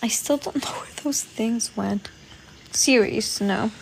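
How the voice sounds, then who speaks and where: A Polish woman hosts a casual livestream, reading comments, chatting with viewers, thanking them and laughing often. Her fairly high voice is slow, creaky and whispered, and the audio is poor.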